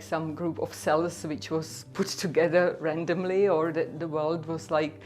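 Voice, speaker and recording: A woman's voice: deep voice, darkish tone. A woman from the Czech Republic, speaking English with a Czech accent, tells her personal testimony in an earnest, conversational way full of "like" and "you know.". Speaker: speaker sharing her faith story.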